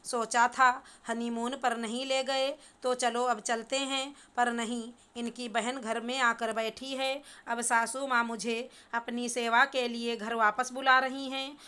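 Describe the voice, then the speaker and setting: An angry young newlywed daughter airs her complaints, voiced by a woman. The voice is bright and crisp and sits a little high. The delivery stays flat, as in a storybook. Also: unhurried, few pauses. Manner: upset, complaining. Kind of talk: storybook reading.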